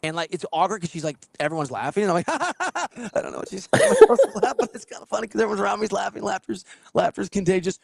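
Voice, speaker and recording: A man's voice: sits high, racing, vocal fry, hardly any pauses, husky, dry recording, clean studio sound. A middle-aged man telling a long story in casual chat, acting out quotes and laughing as he goes. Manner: animated, acts out quotes with laughs.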